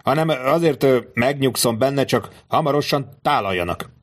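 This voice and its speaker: A man's voice: medium pitch, lively intonation, voice pushed up, close to an everyday voice. A man voicing a fussy, ingratiating captive rich man who stammers and hesitates, in an audiobook. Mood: coaxing. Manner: hesitant, stammering with filler sounds. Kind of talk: audiobook character voice.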